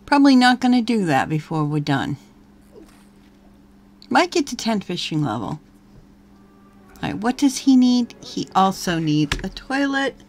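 A woman hosts a let's play, giving relaxed gameplay commentary at an unhurried, slow pace. Her voice sits at an ordinary middle pitch. She chats along and speaks to her characters as if they could hear her. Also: a little hiss or hum. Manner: chatty, talks to her game characters.

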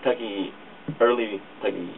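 Low-voiced young man, halting. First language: English. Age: 20s to 30s. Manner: halting, searching for words, mixing in English. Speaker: musician guest. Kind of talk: casual interview. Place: small radio studio, indoors. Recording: dull distant lo-fi camera recording, clear noise.

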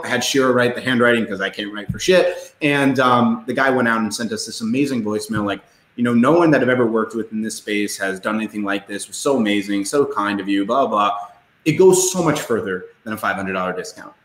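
A man on a podcast as a guest entrepreneur, telling stories in an animated, casual way and swearing freely. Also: lowish voice. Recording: roomy echo.

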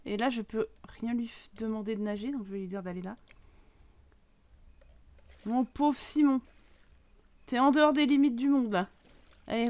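A woman talking through a life-simulation game as a YouTube let's-play host, chatty and breaking into sudden excited exclamations. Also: on the high side, no room sound. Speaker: gaming YouTuber.

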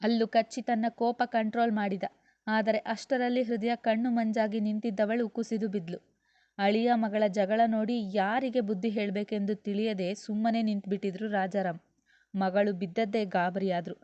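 A woman narrating a serialized novel with steady storytelling. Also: mid-range voice, moderate pace, no echo, lo-fi sound.

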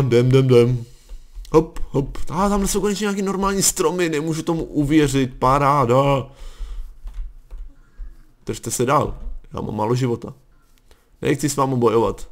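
A man's voice: mid-range voice, pauses often. A young man with a Czech accent, commenting on his own gameplay and breaking into startled yelps and swearing. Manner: excitable, jumps to yelps and curses when startled. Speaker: gaming channel host. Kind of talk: Let's Play commentary.

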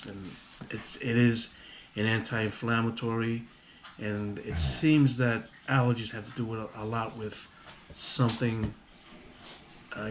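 A man vlogging casually about a home remedy, rambling with halting restarts and fillers. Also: on the low side. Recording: audible background noise.

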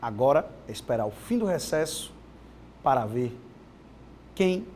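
A man delivering opinionated political commentary on a morning news show, with an emphatic delivery. His pitch rises and falls widely as he stresses his points. A faint hiss of background noise sits under the recording. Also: sing-song, unhurried, a little mellow. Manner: emphatic, rising and falling for emphasis.

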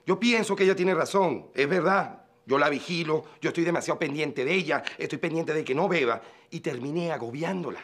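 A calm fatherly man in a telenovela, low-voiced and reassuring. He speaks with quiet firmness. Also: fairly quick, pauses often, slightly rough, full character voice. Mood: earnest. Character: fatherly man leaving home, steady and gentle. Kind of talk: telenovela acting.

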